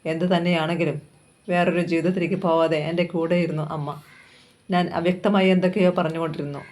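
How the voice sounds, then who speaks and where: Woman narrating a novel in a flat voice. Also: lowish voice, a little fast. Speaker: novel reader. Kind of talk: first-person novel narration.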